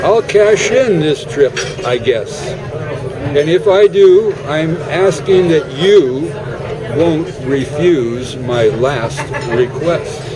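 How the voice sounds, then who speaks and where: Slow, pleading, freezing prospector played by a man. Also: a little high, lively intonation, low-quality recording. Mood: pleading, low-spirited. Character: freezing, low-spirited male gold prospector dreading an icy grave. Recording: live recording with crowd noise.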